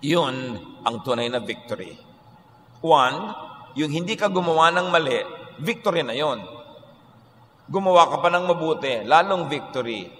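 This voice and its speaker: A man delivers a radio sermon, switching between Tagalog and English with emphatic stresses. His voice sits slightly high and rings out with a long reverb, over a faint hiss of background noise. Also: expressive, unhurried, pauses often, fairly bright tone. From Philippines. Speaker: pastor.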